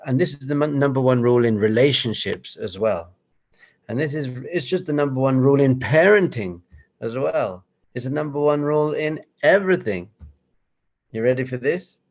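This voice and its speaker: A rabbi giving a chatty, self-deprecating motivational talk with slides, breaking into acted-out voices. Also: male voice, medium pitch, moderate pace, a little mellow, dull audio.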